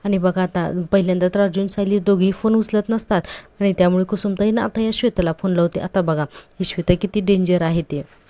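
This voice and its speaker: A woman's voice: fairly low pitch, steady tone, fairly quick, warm tone. A woman giving a casual recap of a TV serial episode, retelling each scene and quoting the characters in her own voice. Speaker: TV serial reviewer.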